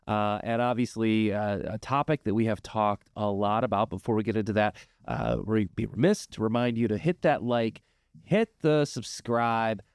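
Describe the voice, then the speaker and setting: A man co-hosting a casual board game news show, talking in a relaxed way with lots of "uh" fillers. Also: lowish voice, clear, resonant tone, no echo, studio quality. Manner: relaxed, filler-heavy, plays up a movie-trailer voice. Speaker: podcast co-host. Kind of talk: casual gaming news chat.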